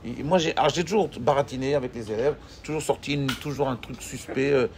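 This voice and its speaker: A man teaching a Torah class, animated, asking his students questions and joking with them. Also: medium pitch, fairly quick, background noise.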